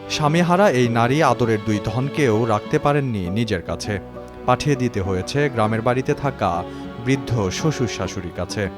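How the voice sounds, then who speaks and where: Bangladeshi male reporter over clear music. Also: mid-range voice, lively intonation, normal speed. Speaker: news reporter. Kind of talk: scripted news narration.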